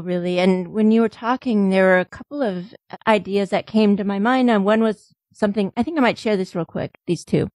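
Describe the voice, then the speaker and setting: An American woman hosts a casual podcast chat, chatty and affirming as she talks. Her voice sits at a middle pitch. It is recorded dry and close, with no room sound. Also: a little mellow, no echo. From United States. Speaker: podcast host.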